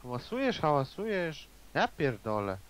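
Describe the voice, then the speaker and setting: A man's voice: on the high side, sing-song, normal speed. A man chatting casually and crudely while playing a video game. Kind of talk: casual gaming chat.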